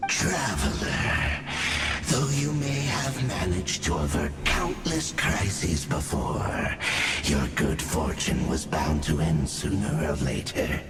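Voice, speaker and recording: Gloating monster villain, gravelly, wildly swooping delivery, pompous taunts, video game, echoing under loud music. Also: male voice, sing-song, takes it slowly, exaggerated voice. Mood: gloating, menacing. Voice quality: gravelly, very deep. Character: menacing, gloating male Abyss Herald, a monstrous sorcerer-warrior.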